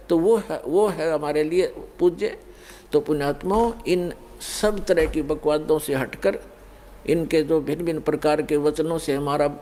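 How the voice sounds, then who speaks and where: Mellow-voiced preacher man. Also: a little high. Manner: addresses listeners as "punyatmaon", explains with everyday examples. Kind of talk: Hindi spiritual sermon.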